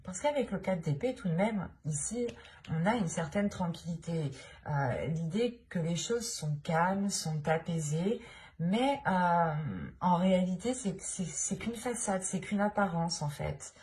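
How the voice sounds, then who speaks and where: A woman with a French accent does a tarot card reading to camera, halting, restarting and using many fillers as she searches for words. Her lowish, darkish voice is animated yet measured in pace.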